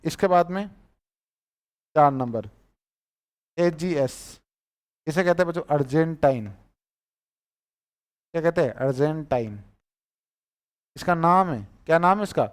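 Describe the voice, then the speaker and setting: A man's voice: on the high side, a little slow, long pauses, smooth. Rajasthani man teaching a chemistry class. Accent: Rajasthani Hindi. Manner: repeats each term and quizzes the students on it.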